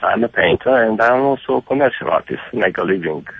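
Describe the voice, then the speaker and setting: A middle-aged man from Romania calling in to a radio talk show, talking earnestly and halting over his words with many restarts, heard through a telephone line. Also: lowish voice, lively intonation, gravelly. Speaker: caller. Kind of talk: phone-in radio call. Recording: tinny phone line.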